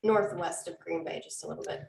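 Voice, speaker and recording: A low-voiced woman with a Wisconsin accent talks about her life as a podcast guest. She is chatty and laughs easily. Her voice comes with a noticeable room echo. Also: a little fast, gravelly. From Wisconsin, US Midwest. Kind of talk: casual interview chat.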